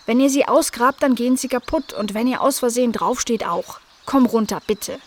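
A woman's voice: a little high, moderate pace, slight background noise, pitched above the performer's own voice, lightly acted. A woman voicing a friendly young female dog who owns a garden and scolds her playful guests. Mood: scolding.

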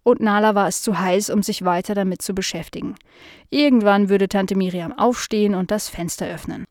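Calm woman reading a children's story. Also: mid-range voice, brisk, no room sound, clean studio sound. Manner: calm, even, clear reading.

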